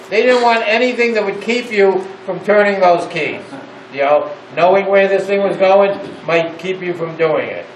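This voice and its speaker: A man guiding a tour through a missile silo, his voice echoing around the underground space, with a dramatic delivery that slows for emphasis. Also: high voice, a little hiss or hum. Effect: echoing inside an underground missile silo. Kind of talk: guided tour talk. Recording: echoey silo, voice from a distance.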